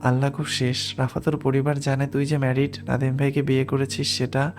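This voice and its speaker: A man's voice: medium pitch, monotone, brisk, a little mellow, slight background noise, close to an everyday voice. A man voicing a frightened young woman who pleads urgently, in an audiobook reading. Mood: anxious.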